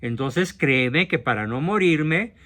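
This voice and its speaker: A man's voice: a little high, expressive, unhurried, fairly bright tone. A man voicing a sly male scorpion in a spoken fable, sweet and seductive in manner. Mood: coaxing.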